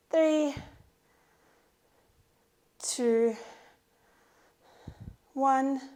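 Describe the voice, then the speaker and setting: A woman's voice: a little high, warm tone. A woman leading a Pilates strength workout, out of breath as she cues each move, counts reps and encourages. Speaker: Pilates instructor. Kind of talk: guided workout instruction.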